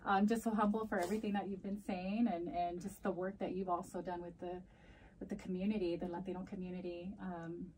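A US community advocate whose first language is Spanish answers casually as a podcast guest, switching between Spanish and English mid-sentence. Her lowish voice is flat, darkish and fairly quick. The audio is poor, recorded from a distance with a little hiss or hum.

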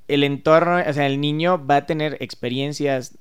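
A man's voice: fairly high pitch, fairly even intonation, moderate pace. A man who is a music therapist, explaining ideas in a casual podcast interview, thinking aloud with small hesitations.

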